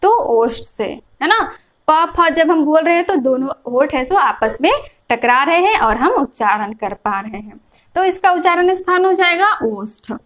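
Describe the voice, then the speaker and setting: High-voiced woman teaching grammar patiently. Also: lively intonation, moderate pace, fairly bright tone, rough recording. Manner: patient, repeats points, checks in with frequent "is that clear". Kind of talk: classroom lecture explaining a chart.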